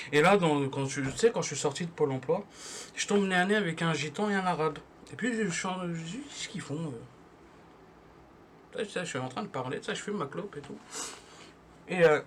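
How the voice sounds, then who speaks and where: A young man delivers a stand-up comedy monologue from home, rambling through a slangy story with plenty of restarts. His voice sits a little higher than most men's. A faint hiss of noise runs under the recording.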